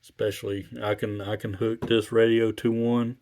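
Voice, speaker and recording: Low, flat-toned man rambling casually. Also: normal speed. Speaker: radio hobbyist video maker.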